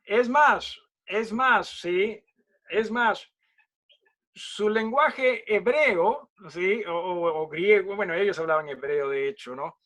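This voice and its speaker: A man's voice: sits high, slow pace, fairly bright tone. A man with a Peruvian accent, a pastor leading a conversational Bible study who keeps checking in with "¿no?" and "¿sí?" and throws in small jokes. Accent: Peruvian Spanish. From Peru. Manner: chatty, asks "¿no?" and "¿sí?" after nearly every phrase, jokes.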